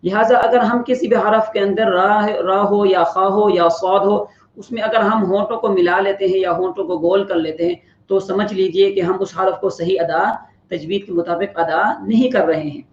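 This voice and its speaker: Quran pronunciation teacher, mid pitch, patient and explanatory, holds demo letters long; dull lo-fi recording. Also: fairly even intonation. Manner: patient explaining, drawing out each letter slowly to demonstrate. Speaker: tajweed teacher. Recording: roomy, slightly dull lo-fi recording.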